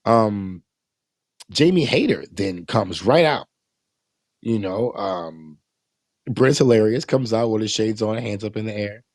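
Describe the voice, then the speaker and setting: A man casually recapping and reviewing a wrestling show, animated, swearing freely and acting out quotes. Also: on the low side, unhurried, pauses often, dry recording, clean studio sound.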